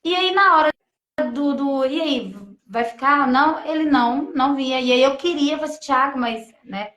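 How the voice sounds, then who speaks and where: A woman from gives an emotional personal testimony, halting and full of restarts as she quotes her own thoughts. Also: high voice, fairly bright tone. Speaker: testimony guest. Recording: echoey room.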